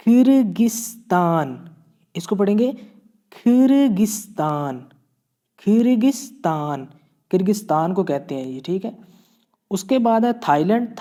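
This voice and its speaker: Patiently repeating each Korean word and often checking in, a man from Pakistan leads a classroom-style vocabulary lesson. He speaks with a Pakistani Urdu accent in a high-pitched, dark-toned voice.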